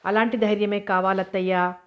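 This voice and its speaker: A woman reading as a kindly older mother, speaking fondly and encouragingly in an even, level voice. The delivery stays flat and steady, like a book being read aloud. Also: mid-range voice, a little fast, clean tone, natural voice.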